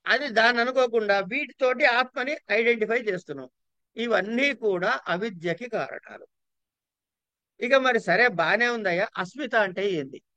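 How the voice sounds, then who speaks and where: A male teacher lectures on yoga philosophy with a high, ringing voice. He keeps asking his listeners questions and then answering them himself, with a lively delivery. The sound is close and dry. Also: normal speed, dry recording. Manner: asks and answers his own rhetorical questions; lively, acts out everyday voices in quotes. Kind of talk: classroom lecture.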